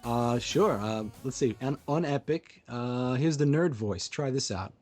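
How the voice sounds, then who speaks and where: A man's voice: medium pitch, a little slow, darkish tone, soft background music. A man co-hosting a podcast in casual chat, joking and reacting with animation. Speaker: podcast co-host.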